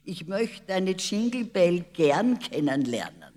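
Male reader as a rowdy joker father, loud and high, reverby. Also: big pitch swings, slow pace, full character voice. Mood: teasing. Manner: loud, teasing, boisterous. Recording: long reverb.

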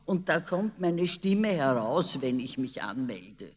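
A man voicing a lively, cheeky young girl who talks in an insistent, know-it-all way. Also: on the high side, takes it slowly, slight background noise, pitched above the performer's own voice. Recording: long reverb.

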